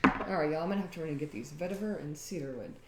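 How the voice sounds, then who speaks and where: Talking very fast in a low-pitched, fairly bright voice, a woman shows off a homemade recipe in her home. This DIY vlogger rambles happily and laughs a lot, and the roomy recording carries a slight hiss or hum.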